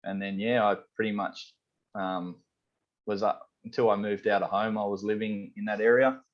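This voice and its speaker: Fairly low in pitch and at a moderate pace, this Australian man from Sydney is a head chef talking loosely in an interview. He wanders along easily, dropping plenty of "um" and "you know." The recording is lo-fi and a little dull.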